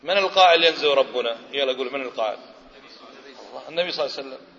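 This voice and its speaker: A man's voice: medium pitch, very fast, fairly bright tone. A man giving a religious lecture, emphatic, often asking the audience questions and answering them himself. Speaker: Islamic preacher. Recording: muffled lecture hall recording with long reverb.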